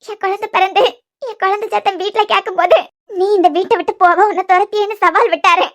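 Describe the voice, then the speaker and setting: A woman's voice: steady tone, fast, fairly bright tone. A woman voicing a heartbroken, scheming young woman in a cartoon serial. She speaks with a Kanyakumari Tamil accent and sounds tearful and self-pitying. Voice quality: very high-pitched.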